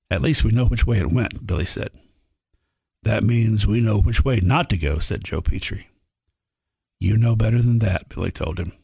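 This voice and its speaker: A man's voice: fairly low pitch, gravelly, darkish tone, breathy edge, no room sound, studio quality. A man reading a frontier horror story aloud, voicing the prospectors' dialogue in a folksy drawl. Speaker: narrator.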